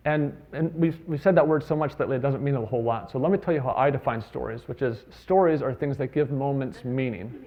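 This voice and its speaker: Lively male conference speaker. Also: medium pitch, quick pace, hardly any pauses, muffled recording. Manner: conversational storytelling, lively emphasis. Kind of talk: conference talk. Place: conference stage.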